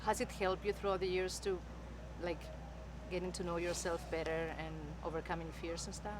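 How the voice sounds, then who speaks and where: A woman's voice: lowish voice, little pitch movement, normal speed, background noise. A woman interviewer asks questions in an informal, encouraging way, with hesitant conversational phrasing.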